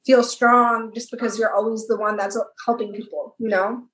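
A woman's voice: a little high, little pitch movement, normal speed, a bit bright, roomy sound, poor audio. A young woman co-hosting a casual podcast, talking in a reassuring, supportive way with lots of filler words. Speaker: podcast co-host.

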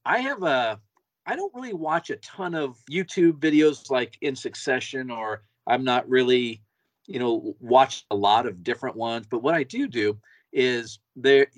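A man co-hosting a casual podcast chat, enthusiastic and quick to agree. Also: medium pitch, dry recording. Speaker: podcast co-host.

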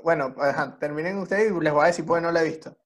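A Venezuelan man hosting a casual chat, telling lively stories and laughing often. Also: a little high, fast talker. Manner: animated storyteller, laughs often.

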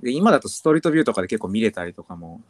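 Writer, man with a light Kansai tinge, fast and animated, dry close sound. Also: fairly low pitch, no echo. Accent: slight Kansai influence. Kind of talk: casual chat.

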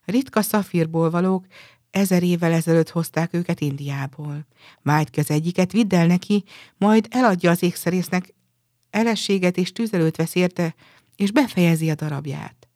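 A woman's voice: fairly low pitch, a little mellow, no room sound, clean studio sound, close to an everyday voice. A sorrowful statue prince, read by a woman. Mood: pleading.

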